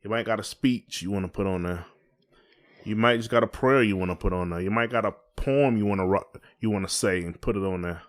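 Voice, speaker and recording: Brisk and fairly low in pitch, this man chats on a casual podcast he co-hosts. He tends to ramble in a folksy manner and repeat what he's just said.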